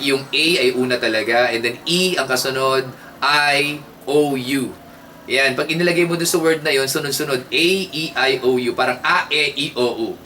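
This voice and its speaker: A young adult man with a Filipino accent hosting a casual radio trivia segment, playful and animated, mixing English into his Tagalog. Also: mid-range voice. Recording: slightly distant mic, faint hiss.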